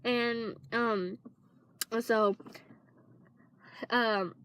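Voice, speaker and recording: A woman's voice: fairly high pitch, fairly even intonation, very slow, fairly bright tone. A young woman telling a casual storytime vlog, rambling and full of fillers. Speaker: vlogger.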